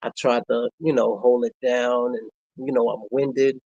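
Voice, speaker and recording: A man, telling a personal story in a reflective, halting way, with many pauses and fillers. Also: mid-range voice, flat delivery, a little mellow, slightly rough, no room sound, dull audio. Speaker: vlogger.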